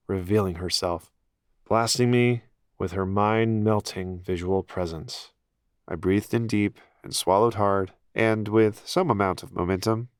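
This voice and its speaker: A man's voice: low-pitched, smooth, no room sound, studio quality. A man narrating a first-person audiobook in a wry, self-deprecating way, with profane asides.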